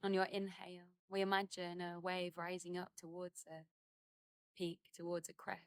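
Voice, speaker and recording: A woman guides a meditation in a garden outdoors, her pitch very even and her slow, soothing instructions delivered in gentle, unhurried phrases with many pauses. She is a meditation guide, and the recording is dry and studio quality.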